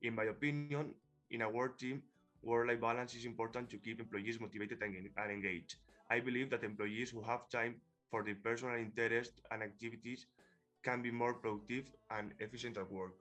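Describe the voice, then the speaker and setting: Young man from Spain, student panelist, bright and lowish, faint music behind. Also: fairly even intonation, brisk. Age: young adult. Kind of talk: student podcast, read from notes.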